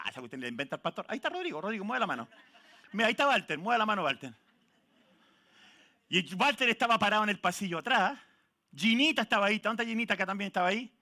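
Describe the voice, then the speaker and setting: Chilean pastor, male, high bright voice, lively joking sermon delivery. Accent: Chilean Spanish. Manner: lively, jokes with the congregation, calls out people by name. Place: church.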